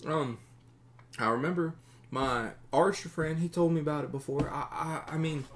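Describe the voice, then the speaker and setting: Guy doing a scared stuttery bandit, voice way up high, trips over every word. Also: normal speed, lightly acted. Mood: nervous. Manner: stammering, high and anxious. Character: nervous stammering captive bandit man.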